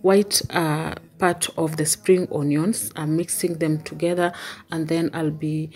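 A woman, calmly talking through her home cooking step by step, with many small pauses. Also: low voice, slightly rough. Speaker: vlogger, stay-at-home mum. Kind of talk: casual cooking voice-over. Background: soft background music.

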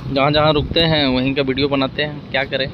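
A man's voice: medium pitch, little pitch movement, fast, highs cut off. A man in his thirties vlogging a motorcycle trip, chatting straight to his viewers from a phone held at arm's length outdoors. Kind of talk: casual travel vlog. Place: outdoors by a highway and a roadside restaurant. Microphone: phone camera at arm's length. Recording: loud traffic and wind noise.

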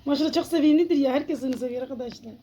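A woman's voice: high voice, very fast, warm tone, slight background noise. A woman chatting casually in a home vlog, talking to viewers and calling and cooing to a cat. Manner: chatty, exclaiming, coos and calls to a cat. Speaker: home vlogger. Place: at home by an open door.

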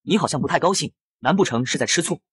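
Man reading a smooth rich young schemer, pleading, soft-spoken, comic story voice. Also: fairly high pitch, lively intonation, quick pace, no room sound, clean studio sound, full character voice. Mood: coaxing. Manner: coaxing, pleading, softly persuasive.

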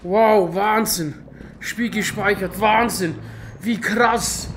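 A man with a Franconian German accent doing excited, casual gameplay commentary, full of loud exclamations. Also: sits high, slow, slight background noise. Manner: exclaims a lot, talks to his pet in the game. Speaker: let's player.

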